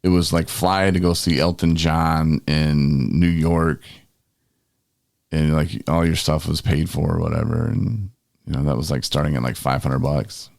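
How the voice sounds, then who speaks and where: A man's voice: a bass voice, steady tone, measured pace, vocal fry, a little mellow, no echo, studio quality. A man co-hosting a podcast in casual, rambling conversation. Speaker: podcast host. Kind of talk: casual chat.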